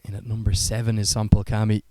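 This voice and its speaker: A man's voice: on the low side, monotone, fast, a little mellow, a little hiss or hum. A man giving live cricket commentary as a play-by-play commentator, with fluent, articulate broadcast delivery.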